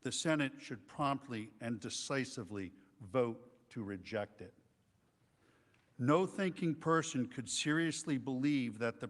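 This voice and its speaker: Emphatic male lawyer in an echoey hall. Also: mid-range voice. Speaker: defense lawyer. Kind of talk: formal prepared argument. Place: large legislative chamber.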